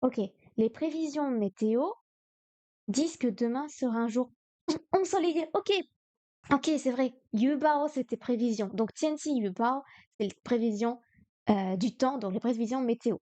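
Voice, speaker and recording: A woman's voice: a little high, moderate pace, dark tone, dry recording. A woman streaming a live study session, thinking aloud hesitantly with many fillers. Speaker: streamer learning Chinese.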